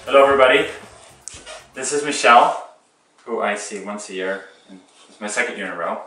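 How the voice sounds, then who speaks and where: A man's voice: medium pitch, a little fast, pushed and bright, a little hiss or hum. Playful man hosting in a roomy kitchen. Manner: playful, jokey banter. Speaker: host. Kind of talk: casual chat. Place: home kitchen. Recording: roomy kitchen audio from a distant mic.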